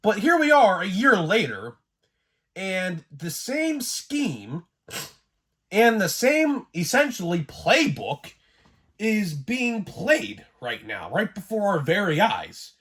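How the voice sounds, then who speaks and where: Getting over a cold, a man hosts a laid-back sports card vlog, coughing now and then between thoughts. His casual commentary is slow, breathy, rambling and excitable, full of fillers, with his pitch swinging widely from high to low.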